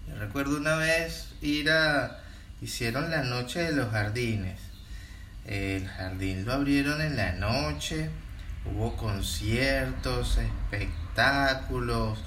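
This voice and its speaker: A man chats casually as a travel podcast co-host. His voice sits at a middle pitch. The room is echoey, with faint background noise. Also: takes it slowly, a bit bright.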